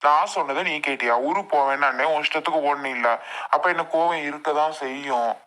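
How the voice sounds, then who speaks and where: A woman doing an exasperated young husband, low voice. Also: a little fast, a bit bright. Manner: impatient, bickering.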